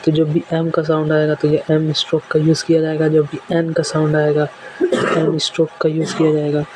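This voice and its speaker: Dark-voiced man teaching in a monotone. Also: on the high side, normal speed, noisy background. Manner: repeats examples patiently, step by step. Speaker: shorthand teacher. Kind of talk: classroom lesson explaining strokes.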